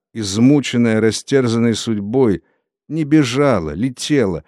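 A man narrating a literary novel in a steady, solemn storytelling manner. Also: medium pitch, no echo, clean studio sound. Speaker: audiobook narrator.

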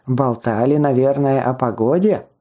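A woman's voice: extremely low pitch, unhurried, lo-fi sound. A man voicing a sly, mocking red-haired schoolgirl who taunts in a sneering way.

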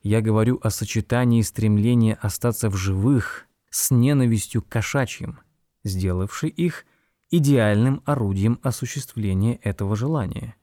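A sharp male detective in a spoken mystery, as the narrator puts him on, brisk and impatient as he reasons aloud. His voice is dark and mellow. The recording is dry and close. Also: lowish voice, no echo, lightly acted.

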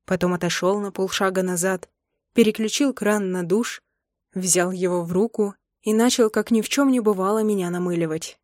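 A woman reading a novel aloud in first person, expressive and dramatic. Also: mid-range voice, normal speed, no echo, studio quality. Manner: expressive, acts out emotional dialogue. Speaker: audiobook narrator. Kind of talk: first-person audiobook narration.

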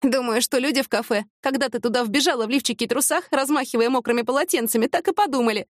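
A woman's voice: sits high, fast talker, no room sound, clean studio sound, voice pushed up. A woman voicing a blunt, tipsy older widow. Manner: blunt, earthy.

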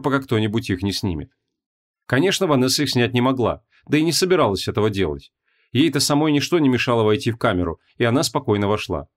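A man narrating a fantasy audiobook in an even, measured storytelling manner. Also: mid-range voice. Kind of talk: scripted narration.

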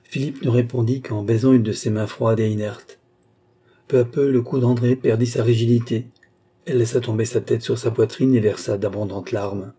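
A man narrating an audiobook of a classic novel with calm, even delivery. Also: mid-range voice, normal speed, breathy edge. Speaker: audiobook reader. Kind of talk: scripted narration.

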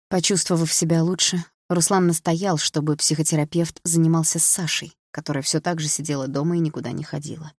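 A woman reading an audiobook in a low, gravelly voice. Her delivery is even and measured. The recording is close and dry, with no echo. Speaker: narrator. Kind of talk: audiobook narration.

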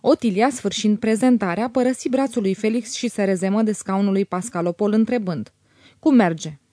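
A woman narrating a classic novel as an audiobook, in a measured, even reading on a close mic. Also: mid-range voice, dry recording.

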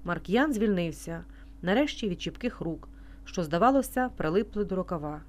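A woman narrating a novel as an audiobook reader in an even, expressive storytelling manner. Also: fairly low pitch, moderate pace. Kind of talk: scripted narration.

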